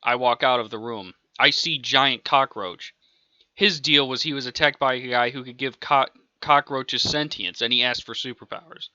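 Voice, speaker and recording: A man's voice: medium pitch, moderate pace, pushed and bright, no room sound. Rambling, chuckling male amateur storyteller. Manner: rambling, chuckling between lines. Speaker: amateur audiobook reader. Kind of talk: casual improvised story narration. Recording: dull lo-fi dry home recording.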